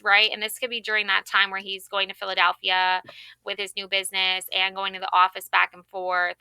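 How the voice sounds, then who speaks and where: A woman giving a casual, chatty tarot reading, excitable and full of fillers and self-corrections. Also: medium pitch, vocal fry, smooth, dry recording. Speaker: tarot card reader.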